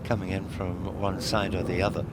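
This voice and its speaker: A man's voice: low-pitched, monotone, moderate pace. A man giving live golf commentary. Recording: loud outdoor crowd noise behind.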